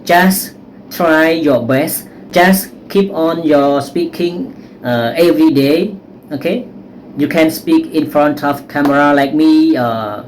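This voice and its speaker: English teacher w/ cambodian accent talking slow n halting to camera, repeats stuff, keeps checking in, some background noise. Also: medium pitch, a little mellow. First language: Khmer. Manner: repetitive, halting, with frequent check-in tags. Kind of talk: informal spoken advice to learners, to camera.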